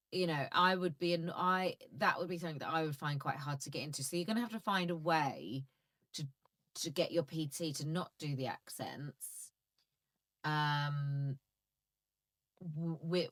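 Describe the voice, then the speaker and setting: A woman with a low voice trades jokes on a comedy podcast, blunt and playful with an animated delivery. The sound is dry and close, with no room around her. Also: moderate pace, no room sound. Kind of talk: casual comedic chat.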